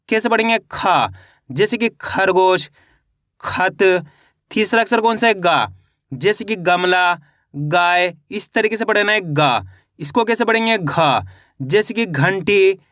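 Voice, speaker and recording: A man teaching the alphabet online, with a high, bright voice. He asks how to read each letter and answers it slowly, again and again. The recording is close and dry, with no room sound. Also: smooth, no room sound.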